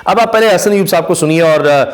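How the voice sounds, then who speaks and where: A man, giving casual spoken commentary on news clips, talking at length with many drawn-out pauses and fillers. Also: a little high. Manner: talkative, frequent "aa" fillers and pauses. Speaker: YouTube commentator.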